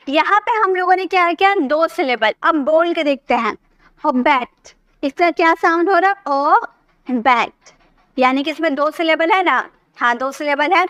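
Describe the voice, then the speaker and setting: A woman's voice: high voice, fairly bright tone, dry recording. A woman teaching a spoken English lesson, patiently repeating points and checking that learners follow.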